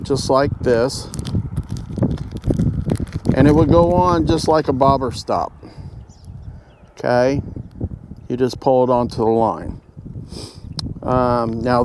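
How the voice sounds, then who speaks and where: A man's voice: medium pitch, slow, long pauses, darkish tone. Male tutorial host, mid-range voice, folksy and hesitant, explaining casually outside, light traffic noise behind. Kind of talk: casual instructional talk to camera. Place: outdoors at home beside a pond. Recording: outdoor ambient road noise. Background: road noise.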